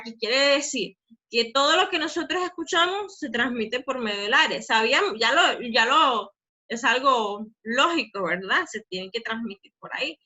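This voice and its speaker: A woman's voice: fairly high pitch, pushed and bright. A woman teacher explaining a physics lesson, often checking in with the class. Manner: explanatory, often asks "¿verdad?" to check understanding; says she talks fast.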